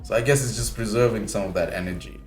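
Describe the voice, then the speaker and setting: A man's voice: on the low side, quick pace, darkish tone, reverberant, soft background music. A man with a Kenyan accent hosting a podcast in casual chat, joking and laughing often. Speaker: podcast host.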